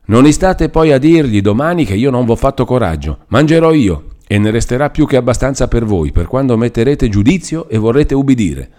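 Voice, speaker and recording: Man voicing an old woman, grumbling, resentful, scolding, lifted and strained voice, dark tone, audiobook. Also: mid-range voice, big pitch swings, fairly quick, hardly any pauses, pitched above the performer's own voice, lightly acted. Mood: grudging.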